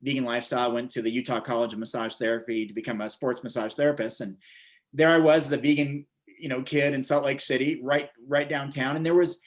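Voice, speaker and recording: This vegan bodybuilder and author, an American in his forties, talks fast in a mid-range, steady tone. He's an interview guest telling casual stories, rambling and repeating his words.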